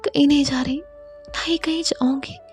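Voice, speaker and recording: A woman voicing a tender young woman who soothes her lover in a soft, hushed, half-whispered voice. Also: high-pitched, fairly even intonation, unhurried, gravelly, faint music behind, voice pushed up. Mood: soft soothing.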